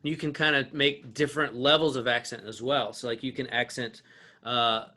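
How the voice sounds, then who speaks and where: Relaxed man teaching guitar online. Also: mid-range voice, moderate pace. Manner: relaxed, explains with many restarts and fillers; counts beats aloud while strumming. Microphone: video call. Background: acoustic guitar.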